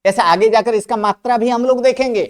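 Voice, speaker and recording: A man teaching a grammar class, who explains slowly, repeats his points, and keeps putting questions to his students while he writes on a board. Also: very high voice, clean tone. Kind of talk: classroom lecture.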